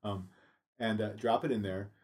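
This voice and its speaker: A man co-hosting a casual chat, talking haltingly with many fillers and restarts. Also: on the low side, fairly even intonation, a little mellow. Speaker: podcast co-host.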